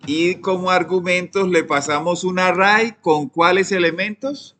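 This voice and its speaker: Slow-speaking Colombian man teaching code. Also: high voice, fairly even intonation, slight background noise. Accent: Colombian Spanish. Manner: asks students questions and dictates code; often trails off softly. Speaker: programming teacher. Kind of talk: live coding lesson.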